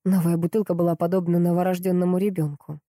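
A woman narrating an audiobook in a measured, expressive storytelling manner. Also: lowish voice, dry recording, clean studio sound.

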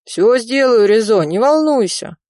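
A woman voicing a loyal male cousin who reassures eagerly over the phone, raising her pitch. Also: lively intonation, a little slow, a little mellow, no echo, studio quality. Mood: reassuring.

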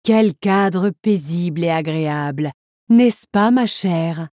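A woman doing a genial, lower-voiced king. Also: slow pace, warm tone, no echo, clean studio sound. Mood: pleased. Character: courteous visiting king, genial and polite.

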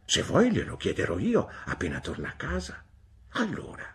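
A woman voicing an eager, homely nursemaid who coaxes and exclaims, in a husky voice, in an audiobook reading. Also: very deep voice, wildly swooping pitch, moderate pace, heavily acted. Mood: emphatic. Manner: coaxing and exclamatory. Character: eager, coaxing female nursemaid, hearty and homely. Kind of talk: audiobook character voice.

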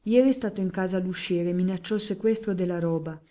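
A woman's voice: on the low side, quick pace, mellow, lightly acted. A woman voicing a poor, desperate middle-aged male hatter who begs insistently for help. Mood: pleading. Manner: pleading, insistent.

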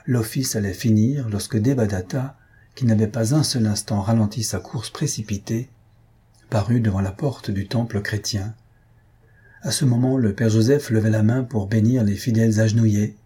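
A man reading a French short story aloud as narrator, measured and dramatic, lifting his voice for the characters' shouts. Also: on the low side, steady tone, husky. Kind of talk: scripted audiobook reading.

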